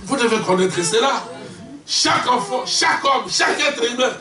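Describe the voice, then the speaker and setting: A man from Congo preaching an impassioned sermon in French, shouting and calling out questions to the congregation. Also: extremely high pitch, animated, normal speed, a crowd in the background. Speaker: visiting preacher. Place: church hall. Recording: echoey church hall, distant mic, congregation responding. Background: congregation responses.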